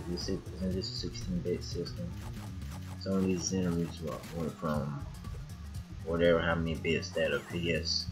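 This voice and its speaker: Very deep-voiced man doing game commentary. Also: rough recording. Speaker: gaming video host. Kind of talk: casual let's play commentary. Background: game music.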